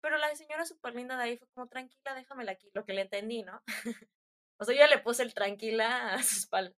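A young adult Mexican-accented woman speaks briskly in a fairly high voice. She chats casually through her stories, using slang and animatedly performing the lines of dialogue she quotes.

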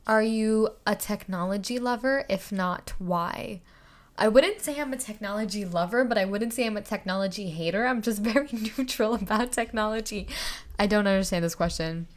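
A young woman hosts a casual solo podcast with a mid-range voice at a normal speed. Chatty and giggly, she stumbles over words as she reads questions aloud.

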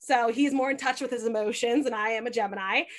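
A fast-talking young woman with a slightly high voice gives a casual podcast interview as a host herself, storytelling with animation, lots of "like," and quoted lines she acts out.

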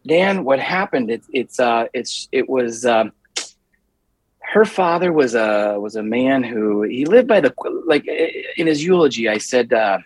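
A man with a husky, slightly rough voice tells stories as an interview guest. He rambles and restarts often, and he grows animated as he goes. The recording is close and dry, with no room sound. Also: mid-range voice, a little slow, dry recording. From United States. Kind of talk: storytelling in a podcast interview.

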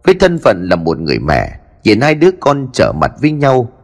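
Male storyteller, dramatic ghost-story narration, animated pitch, slightly husky. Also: brisk, faint music behind.

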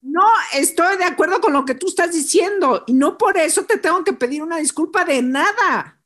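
A woman joins a casual podcast chat with emphatic remarks and easy swearing. Her voice is very high. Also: lively intonation, moderate pace, a bit bright. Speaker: podcast co-host.

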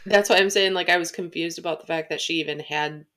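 Female podcast co-host, low pitch, chatty storyteller. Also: fairly even intonation, fast talker, a bit bright. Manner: chatty, retells conversations with quoted lines. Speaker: podcast co-host, animal control officer. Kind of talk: casual podcast chat, storytelling.

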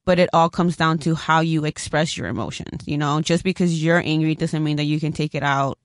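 A woman's voice: low-pitched, fairly even intonation, fairly quick, no room sound, studio quality. A young woman and mother co-hosting a casual podcast chat, talking candidly and swearing freely. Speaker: podcast co-host.

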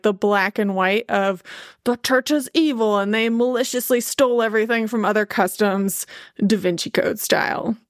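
A woman's voice: on the high side, no room sound, studio quality. A woman with a Midwestern accent hosting a casual podcast chat, talking with lots of "like" fillers and frequent laughs. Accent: Midwestern American. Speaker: podcast host.

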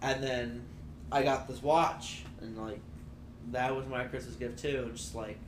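A man's voice: medium pitch, fairly even intonation, unhurried. A young man talking as a podcast guest in casual chat, loose and profane, laughing often. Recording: echoey room, faint background noise.

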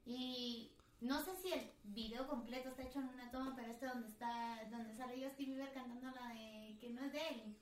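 A woman joining a casual chat, giving calm, measured opinions. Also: fairly high pitch. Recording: echoey, from off mic.

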